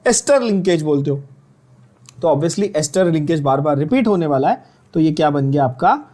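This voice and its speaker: A man's voice: fairly high pitch, animated, moderate pace, dark tone. A man with an Indian accent giving an online chemistry lecture, often asking students questions and repeating key terms with teasing scolding. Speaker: chemistry teacher.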